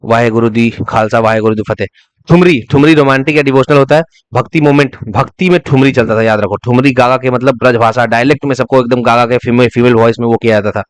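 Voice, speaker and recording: A man teaching a fast revision lesson for exam students, repeating key terms as memory tricks and asking and answering his own questions. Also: mid-range voice, fairly even intonation, dry recording. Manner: breaks into short sung snatches to illustrate.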